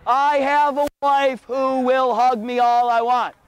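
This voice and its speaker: A man preaching loudly outdoors on a college campus as a street preacher, declamatory and confrontational. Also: very high voice, little pitch movement, takes it slowly, clean tone, poor audio. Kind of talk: open-air street preaching.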